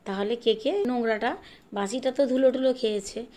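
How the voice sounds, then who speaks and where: A middle-aged woman from Bengal chatting in a rambling way while she bakes in her home kitchen, sometimes speaking softly. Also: fairly high pitch, a little fast. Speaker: home cooking vlogger. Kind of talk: casual chat while baking. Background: fan hum and rain outside.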